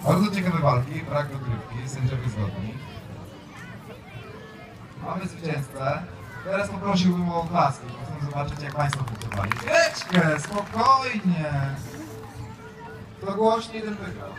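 A high-pitched man calls out a tournament over a loudspeaker, slow and drawn-out, heard from across an open field. His voice bounces around the grounds with a big crowd buzzing loudly behind him. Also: sing-song. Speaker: tournament announcer and referee. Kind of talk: live event announcing. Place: outdoor field at a medieval tournament. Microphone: handheld microphone over loudspeakers, filmed from afar. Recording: distant echoey loudspeaker voice, loud crowd. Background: crowd and outdoor noise.

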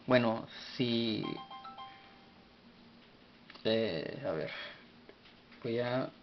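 A man's voice: mid-range voice, highs cut off, slight background noise. A man teaching an informal study lesson, spelling out words letter by letter, stopping to correct himself and chuckling now and then. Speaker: teacher of a religious study group.

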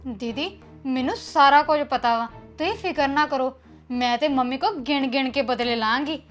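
A young actress playing a headstrong new bride who speaks bluntly and defiantly. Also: female voice, high-pitched, normal speed, a bit bright, soft background music. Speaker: actor. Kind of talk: web series drama acting.

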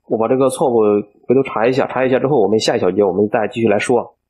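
Husky-voiced man teaching code. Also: mid-range voice, racing, dark tone. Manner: explains step by step, thinking aloud with frequent fillers. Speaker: programming instructor. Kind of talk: screen-recorded coding tutorial.

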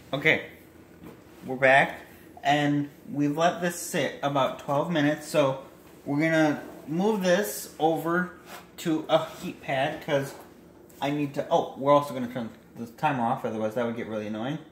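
This young cooking vlogger has a fairly high, slightly bright voice and talks a little slowly with frequent pauses as he casually demonstrates a recipe. Shot on a handheld phone in an echoey kitchen with faint clatter, the audio has a little hiss or hum, and he rambles, corrects himself and makes chatty asides.

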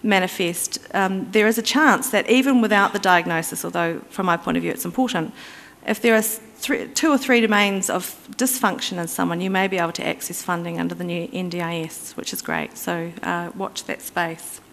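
Speaking a little fast with few pauses, this woman has a lowish, gravelly voice that is still fairly bright. She presents at a conference in an explanatory, conversational style full of fillers and restarts, and the hall's echo is audible.

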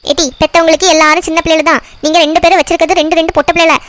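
A blunt, scolding old mother from a cartoon family drama, voiced by a woman. The voice sits very high and the words come out quick and pushy. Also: flat delivery, fairly bright tone. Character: older mother worrying about granddaughters' marriages. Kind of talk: cartoon voice acting.

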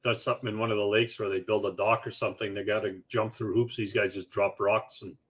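A middle-aged man with a fairly low voice, joining a casual call from home. He talks bluntly and teases the others. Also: level tone, fast talker, a bit bright, breathy edge. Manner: blunt, teasing. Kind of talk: casual chat. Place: home room on video call.

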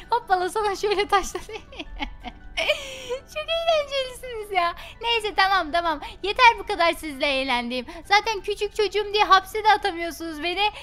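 A Minecraft roleplay YouTuber voices a mischievous little girl in a game role-play, giggly and teasing. Her very high-pitched, fairly bright voice has lively intonation and a moderate pace. Faint music plays behind.

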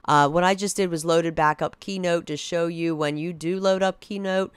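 Clear-voiced woman teaching a class. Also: fairly low pitch, steady tone, moderate pace, no room sound. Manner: casual, direct classroom instruction. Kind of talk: screen-recorded software tutorial.

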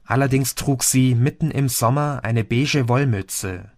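A man reading an audiobook aloud in a steady, measured way. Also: mid-range voice, dry recording, clean studio sound. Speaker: audiobook reader. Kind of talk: scripted audiobook narration.

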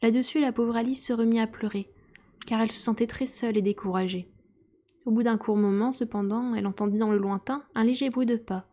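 Mellow woman reading a storybook aloud. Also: a little high, brisk. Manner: steady reading with small restarts. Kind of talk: reading a children's novel aloud.

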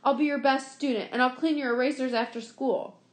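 A woman reading the lines of a nervous, eager seventh-grade boy, pleading in rushed promises. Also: high voice, steady tone, voice pushed up, close to an everyday voice. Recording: roomy echo.

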